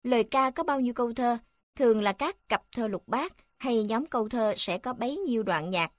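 A woman reading a textbook aloud in an even, formal manner, speaking the section headings too. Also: on the high side, normal speed, no room sound, studio quality.

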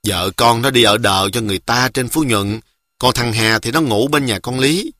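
A man's voice: mid-range voice, normal speed, sharp tone, no room sound, clean studio sound, lightly acted. A man voicing an old, poor beggar woman who anxiously questions her son. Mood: worried.

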